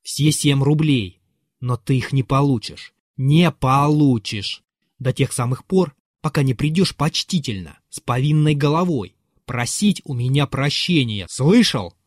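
A bitter, furious man, as a male reader plays him rants at his servant in a raised voice. His pitch swings widely while he shouts, and the sound is dry and close. The outbursts sound loud and strained. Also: animated, measured pace, no echo.

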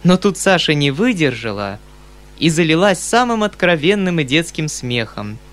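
Expressive male audiobook narrator. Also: fairly high pitch, moderate pace.

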